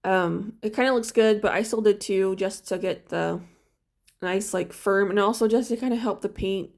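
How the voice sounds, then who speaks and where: A woman's voice: medium pitch, fairly even intonation, moderate pace, vocal fry, darkish tone. A woman who just woke up, chatting casually and rambling with lots of fillers while she paints a small figure for her vlog. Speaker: crafts vlogger.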